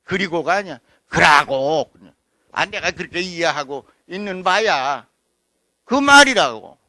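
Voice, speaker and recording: A man delivers an academic lecture in a high, sharp voice. He talks emphatically and throws rhetorical questions at the audience. The sound is dry and close, with little room echo. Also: sing-song, moderate pace. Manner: writes on a blackboard while lecturing. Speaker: scholar giving a lecture.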